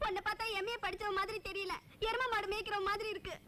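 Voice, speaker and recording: A woman's voice: very high voice, steady tone, quick pace, crowd noise. A young actress playing a sulky village bride who scolds her new husband and later weeps over her ruined marriage. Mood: scolding. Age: young adult. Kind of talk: Tamil film comedy acting.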